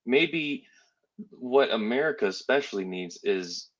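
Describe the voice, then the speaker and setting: A man discussing faith casually in a hesitant, halting way. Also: medium pitch, expressive, dull audio.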